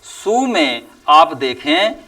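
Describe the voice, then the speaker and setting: A male teacher giving a classroom lecture, speaking slowly and deliberately and drawing out example sounds with emphatic rises. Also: a little high, very animated, sharp tone, recorded from a distance. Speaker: Hindi teacher.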